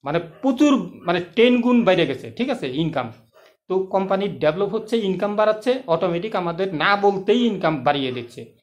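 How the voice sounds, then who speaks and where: High-voiced man with a persuasive pitch. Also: lively intonation, a little fast. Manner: persuasive, keeps checking in with listeners; addresses listener as friend. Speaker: online income plan promoter. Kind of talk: casual explanatory video talk.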